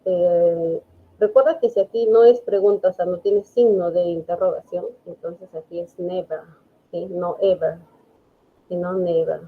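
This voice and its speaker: A woman English teacher patiently explains grammar during an online class, checking frequently that students understand. Her voice is on the low side at a moderate pace, heard through a video call with phone-like audio.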